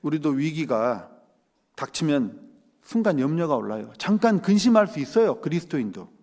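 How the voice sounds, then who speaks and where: Male pastor, fairly high voice that swings up and down, long hall reverb. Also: moderate pace. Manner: lively preaching with rhetorical questions to the congregation. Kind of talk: sermon. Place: church sanctuary.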